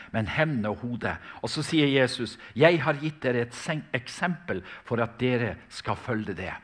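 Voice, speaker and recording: A man's voice: mid-range voice, fairly bright tone. A man from Norway, preaching a sermon and telling stories in a fervent, emphatic way, often restarting his phrases. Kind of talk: sermon with storytelling.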